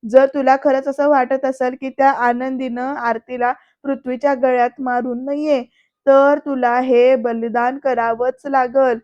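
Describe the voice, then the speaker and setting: A woman's voice: sits high, level tone, measured pace, no room sound, lo-fi sound. A woman voicing a scheming younger brother in a serial recap, coaxing and whiny. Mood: pleading. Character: scheming middle-aged male schemer, pleading brother.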